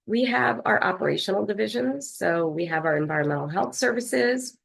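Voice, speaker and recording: A woman leading a health department, presenting slides to a board over a video call in a measured way with frequent fillers. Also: medium pitch, animated, gravelly, a bit bright, husky, poor audio. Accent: Philadelphia. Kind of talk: formal online meeting presentation.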